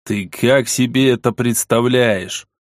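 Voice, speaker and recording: A man's voice: slow, no echo, studio quality, lightly acted. A man voicing the first-person hero of an audiobook, a wary armed man who speaks curtly and sardonically. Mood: gruff, wry. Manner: curt, low and sardonic. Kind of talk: audiobook character voice.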